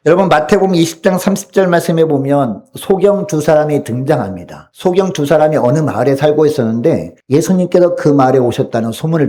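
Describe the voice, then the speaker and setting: A man's voice: fairly high pitch, warm tone. A man preaching a sermon as pastor, constantly asking the congregation rhetorical questions and acting out the voices he quotes. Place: church sanctuary.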